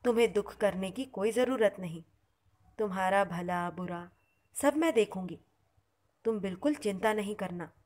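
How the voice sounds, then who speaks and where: A woman voicing an elderly holy mother, gentle and affectionate, speaking in a soft, tender, reassuring way. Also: medium pitch, moderate pace, natural voice.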